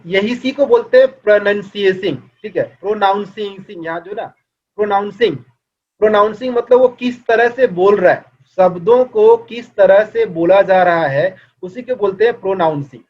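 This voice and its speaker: A man teaching an English lesson online, explaining in Hindi and reading English lines slowly while asking his students questions. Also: high voice. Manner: asks students questions as if in class. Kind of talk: online class lecture. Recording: dull lo-fi recording.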